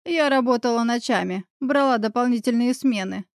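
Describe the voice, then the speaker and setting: Woman reading a shrill bitter mother-in-law. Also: normal speed, dry recording, clean studio sound, natural voice. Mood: bitter confession. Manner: shrill and defensive. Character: bitter scheming middle-aged woman, future mother-in-law.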